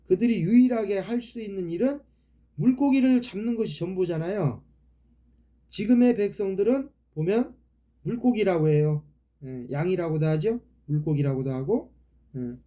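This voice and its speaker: A man's voice: fairly high pitch, dark tone. A man with a Chungcheong Korean accent giving a rambling, casual preaching talk, dropping a "ye" filler after almost every phrase. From Chungcheong, South Korea. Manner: rambling, peppers speech with "ye" filler.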